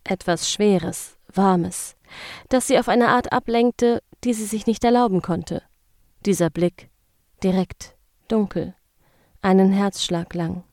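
A woman narrating a romance story in a slow, intimate, hushed storytelling manner. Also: mid-range voice, no room sound, clean studio sound.

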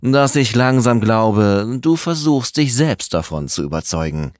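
A man's voice: mid-range voice, expressive, a little slow, no room sound, studio quality, pitched above the performer's own voice, close to an everyday voice. A man playing a smug, teasing young man. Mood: low, teasing. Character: confident, teasing young male architect.

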